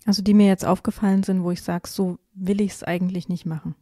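A woman's voice: fairly low pitch, steady tone, quick pace, warm tone, no echo, studio quality. A woman co-hosting a podcast, asking questions and adding short agreeing replies in a casual conversation.

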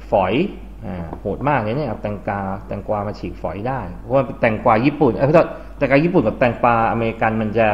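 In a classroom lesson, a man from Thailand explains English vocabulary and tests his students on it. His voice is medium-pitched, and the recording has its highs cut off.

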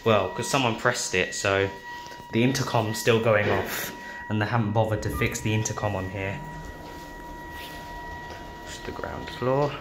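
A young man, an amateur lift vlogger, gives a casual running commentary on a handheld phone while riding the lifts and passing through the lobby of a public building. His voice is on the low side, measured in pace, with frequent pauses. The phone recording picks up loud background noise and clicks.

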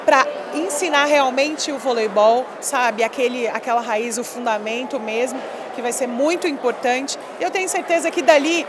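Speaking at a moderate pace with hardly any pauses, a high-voiced former volleyball player in her thirties chats emphatically during a casual interview. It takes place in a busy, noisy expo hall, with the interviewer holding a handheld mic, and she uses many small fillers.

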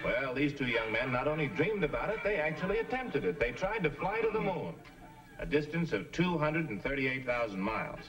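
Lively old-time American TV announcer. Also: male voice, fairly high pitch, muffled recording. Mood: earnest. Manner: formal, measured presentation. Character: earnest male local television news commentator. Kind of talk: old-time 1950s television announcer delivery. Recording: distant-miked vintage TV soundtrack.

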